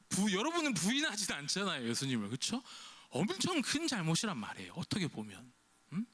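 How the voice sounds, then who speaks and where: A man's voice: high-pitched, fairly bright tone. A male pastor giving a youth service sermon, chatty and questioning, often quoting imagined speech in character. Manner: conversational preaching, keeps asking the congregation questions; acts out imagined lines in a quoted voice.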